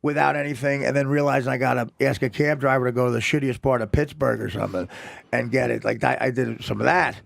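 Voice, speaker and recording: A man talking as a guest on a talk show, halting and searching for his words as he speaks candidly. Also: medium pitch, fairly even intonation, gravelly, no room sound, clean studio sound.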